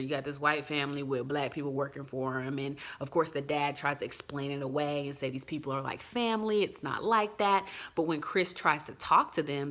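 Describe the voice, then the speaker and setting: A woman casually reviewing a movie on her phone, retelling the plot with energy and acting out scenes. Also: sits low. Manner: lively retelling, acts out scenes.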